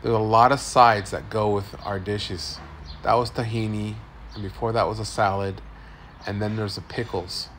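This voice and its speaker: The speaker is a man in his forties, a food vlogger recording on a phone at an outdoor street food stall. He narrates casually as he walks, upbeat like a tour guide, in a lowish, steady, fairly bright voice at a moderate pace. A faint hiss or hum is audible.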